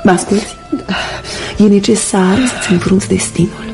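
Actress as a vain, gravelly society widow. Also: female voice, medium pitch, flat delivery, over music, close to an everyday voice. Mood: consoling, scheming. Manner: grand, affected and dramatic. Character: vain, theatrical aging society woman, widow. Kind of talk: studio radio play. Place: recording studio.

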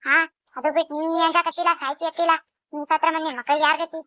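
A woman's voice: high-pitched, flat delivery, fast, sharp tone, dry recording. A woman voicing a caring, bold village neighbor woman in a cartoon, with a North Karnataka Kannada accent. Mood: urging. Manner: consoling, rousing. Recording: dull lo-fi recording.

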